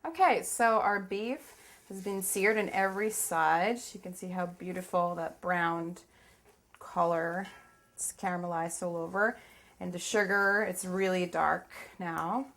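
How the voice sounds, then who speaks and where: A woman's voice: fairly low pitch, unhurried, a bit bright. A woman in her thirties with a Venezuelan accent, giving informal step-by-step cooking instruction in a home kitchen. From Caracas, Venezuela. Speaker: cooking demonstrator. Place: small home kitchen, indoors.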